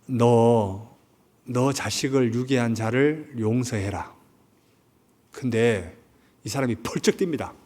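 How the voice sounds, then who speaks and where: A man's voice: medium pitch, slow, pauses often, a little mellow. A man preaching a Sunday sermon as pastor in a church, retelling a story and asking his listeners questions. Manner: retells a film story, asks the congregation questions. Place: church sanctuary.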